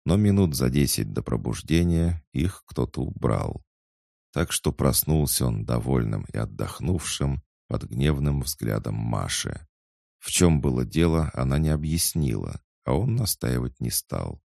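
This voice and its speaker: Very deep, gravelly male narrator. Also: expressive, a little slow, warm tone, dry recording, clean studio sound. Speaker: audiobook narrator. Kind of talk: scripted narration.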